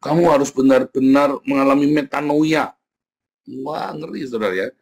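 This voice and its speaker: Male pastor, hoarse-edged tone, informal sermon, animated asides. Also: medium pitch, moderate pace. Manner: lively, folksy, mimics voices, frequent "ya, Saudara". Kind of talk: casual sermon.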